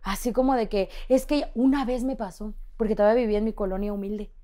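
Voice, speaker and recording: A woman's voice: mid-range voice, fast. A young woman with a Mexican accent, telling personal stories as a podcast guest and acting out the voices of people she quotes. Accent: Mexican Spanish. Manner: lively storyteller who acts out quoted voices. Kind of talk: casual storytelling interview.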